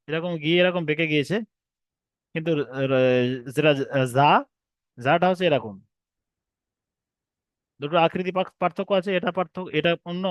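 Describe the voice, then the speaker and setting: A man teaching an online reading class, who explains patiently and drags out each letter name slowly. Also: on the high side, dry recording, muffled recording. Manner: explains patiently, repeats letter names slowly with long drawn sounds. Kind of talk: recorded online class lesson.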